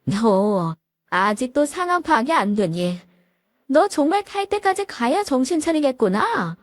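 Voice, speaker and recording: Brief: woman playing a cold, sneering rich wife, high voice, dry close read. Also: no room sound, exaggerated voice. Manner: sneering, commanding. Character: haughty, scornful wealthy wife.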